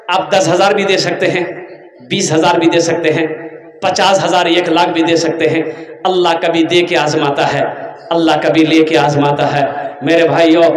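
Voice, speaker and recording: A man with a high, ringing voice preaches at a religious gathering. He makes playful, sing-song appeals for donations. His voice carries through a roomy, echoing loudspeaker sound. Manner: humorous, sing-song appeals, mixing in local dialect. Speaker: Islamic preacher. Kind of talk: fundraising sermon at a religious gathering. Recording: echoey PA sound.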